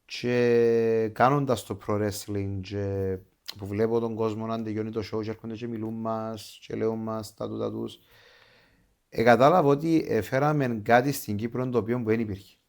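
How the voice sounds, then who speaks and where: This pro wrestler, a man with a Cypriot Greek accent, chats casually as an interview guest, full of enthusiasm and slipping English phrases into his Greek. His voice is on the low side and a little mellow, with a level tone and some vocal fry.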